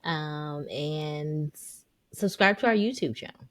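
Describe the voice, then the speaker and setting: A woman co-hosting a podcast, telling stories in a casual, animated way with relaxed slang. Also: deep voice, takes it slowly, dry recording. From Caribbean family descent. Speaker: podcast co-host. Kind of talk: casual chat.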